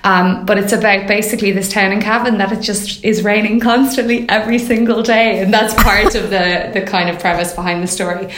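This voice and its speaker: A woman's voice: medium pitch, fairly quick, hardly any pauses. Irish woman with a west of Ireland accent, echoey room. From Mayo, Ireland. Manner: animated anecdotes, acting out imagined remarks. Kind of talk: casual chat. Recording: roomy, echoing sound.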